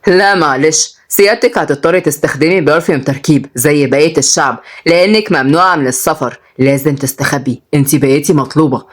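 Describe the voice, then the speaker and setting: A woman doing a cold, calm lawyer man. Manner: cool, measured, lowered voice. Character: calm, cold middle-aged male lawyer.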